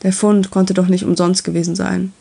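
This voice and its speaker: A woman narrating a fantasy story in a calm, even reading voice. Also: lowish voice, normal speed, vocal fry, slightly rough.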